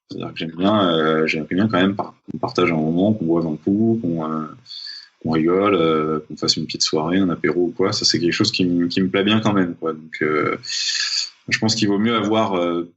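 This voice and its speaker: A young man from Paris with a deep, husky voice talks hesitantly in a relaxed interview, circling back over his words and filling pauses. The sound is dull and lo-fi, like a remote call. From Paris, France. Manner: hesitant, many fillers and restarts. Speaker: guest, freediving champion. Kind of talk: casual interview talk.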